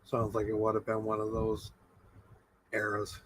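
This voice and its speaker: A man's voice: on the low side, monotone, moderate pace, no echo, poor audio. A middle-aged man chatting casually as a livestream host, with a laid-back, rambling stoner way of talking. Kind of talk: casual chat with livestream viewers.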